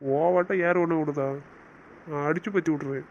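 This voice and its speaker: A man's voice: on the high side, steady tone, fairly quick, a little mellow, muffled recording, a little hiss or hum, natural voice. A man playing a teasing, bossy young husband in an audio romance series, scolding his wife in playful banter.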